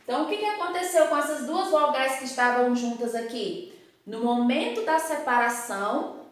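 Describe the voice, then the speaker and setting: A woman teacher explaining a grammar lesson to pupils, asking rhetorical questions and checking in with frequent tag questions. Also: high voice. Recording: very echoey room, voice from a distance.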